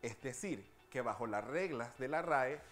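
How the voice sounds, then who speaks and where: A man's voice: medium pitch, animated, a bit bright. Man, teacherly, patient explanations, TV studio, faint music behind. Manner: patient, teacherly, slows to spell out examples. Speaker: language segment host. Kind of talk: explanatory TV segment on spelling.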